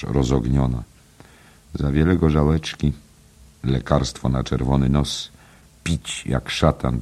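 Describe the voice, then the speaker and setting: A man narrating a literary audiobook in a measured, even reading. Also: a bass voice, husky.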